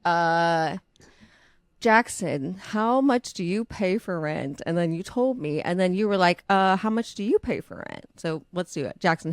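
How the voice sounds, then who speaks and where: A young woman with a lowish voice chats on a podcast in a playful, giggly way. The recording is dry and close. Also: dry recording. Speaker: podcast co-host. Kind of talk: casual chat.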